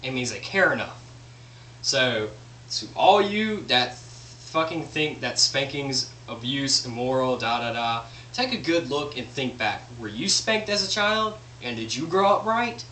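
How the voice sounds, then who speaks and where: A young man rants bluntly and profanely to the camera in a lively, up-and-down voice with a bright edge. The mic sits a few feet away in an echoey room with a faint hum behind it. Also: medium pitch, a little slow. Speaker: vlogger. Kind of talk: profane opinion rant. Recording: roomy echo, distant mic, faint hum.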